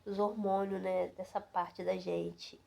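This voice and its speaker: A woman in her fifties talks straight to her phone camera at home. Her chat is loose and rambling, full of fillers and little asides to her viewers. Her voice sits at an ordinary middle pitch. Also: level tone, slow pace, gravelly, a little mellow. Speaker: vlogger.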